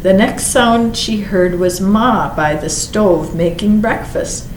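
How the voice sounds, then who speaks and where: Reading aloud to children from a picture book, this woman keeps a slow, even pace and an expressive delivery, lengthening words and dropping in short side comments. Her voice is medium-pitched. She's a library storytime reader, recorded in an echoey space with faint background noise.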